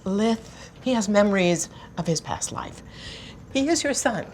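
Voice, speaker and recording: A woman's voice: mid-range voice, animated, measured pace, darkish tone, slight background noise, close to an everyday voice. A woman playing a stern, commanding old village mage woman in an audio drama.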